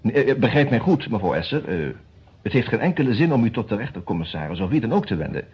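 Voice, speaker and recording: In a radio detective serial, an actor plays a formal, cautious defence lawyer who also narrates, speaking in measured, businesslike phrases with hesitant pauses. His lowish, breathy voice swings widely in pitch in a heavily acted, firm and formal performance. The old recording sounds dull and muffled.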